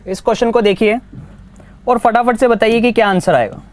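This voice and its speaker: A man teaching reasoning in a live exam-prep class, brisk and coaxing, mixing Hindi with English. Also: sits high, steady tone, a little hiss or hum.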